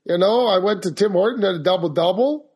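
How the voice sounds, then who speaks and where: A man's voice: high voice, quick pace, a little mellow, husky. A man doing an exaggerated Canadian accent as a folksy, joking hoser who says "eh" and "bud". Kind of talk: comic bit on a podcast.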